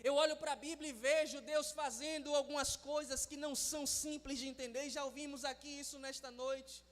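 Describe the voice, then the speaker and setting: Male preacher, very high voice, fiery sermon delivery, long church reverb. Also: steady tone, brisk. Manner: impassioned preaching, rising to shouts and sung phrases.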